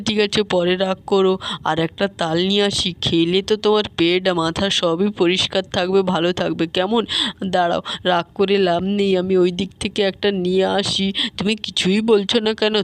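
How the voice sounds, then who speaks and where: A woman's voice: medium pitch, no echo, natural voice. A woman voicing a good-natured uncle in a doll story, pleading with his cross wife in a coaxing way.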